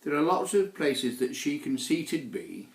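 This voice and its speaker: A man reading a poem aloud, raising his voice to play a gently teasing woman friend. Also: on the high side, big pitch swings, a little slow, vocal fry, distant mic, exaggerated voice. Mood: reassuring. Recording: roomy echo.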